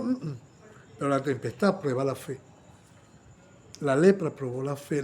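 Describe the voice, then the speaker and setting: A fairly high-pitched man gives an animated Bible study sermon, often inviting agreement from listeners and raising his voice to act out quotations.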